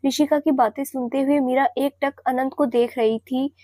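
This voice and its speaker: A woman's voice: sits high, fairly even intonation, moderate pace, warm tone. A woman storyteller reading an emotional romance drama in a dramatic, scripted narration style.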